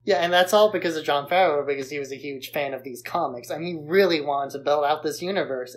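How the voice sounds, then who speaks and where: A man with a voice on the high side co-hosts a podcast, talking casually about films. The audio quality is poor.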